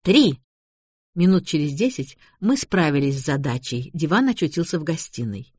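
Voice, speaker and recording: A woman reading a first-person audiobook narration in a wry, expressive manner. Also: low-pitched, brisk, slightly rough, dry recording, studio quality. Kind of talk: scripted narration.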